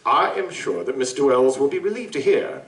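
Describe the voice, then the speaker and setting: In a live audio drama, a stage actor plays a pompous yet genial English big-game vampire hunter who speaks in a grandiloquent, genteel way. His natural voice is mid-range and expressive at a moderate pace. The distant mic captures a roomy live stage.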